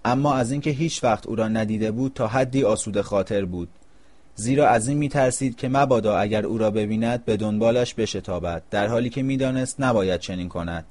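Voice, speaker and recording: A man narrating a storybook in a calm, measured reading voice. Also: on the low side.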